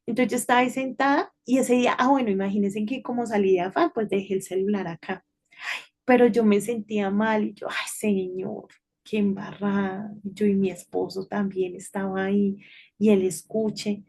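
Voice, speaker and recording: A middle-aged woman giving an informal devotional talk to children, telling a story in a chatty way and often checking in with a quick "right?". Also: medium pitch, fairly even intonation, a little mellow. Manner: chatty storytelling with frequent tag questions.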